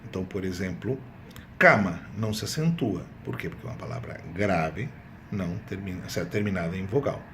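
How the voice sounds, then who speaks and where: Low-voiced man teaching a grammar lesson. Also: expressive, vocal fry, fairly bright tone, slight background noise. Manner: repeats key words, drawn-out emphatic examples. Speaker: Spanish teacher. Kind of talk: exam review lesson.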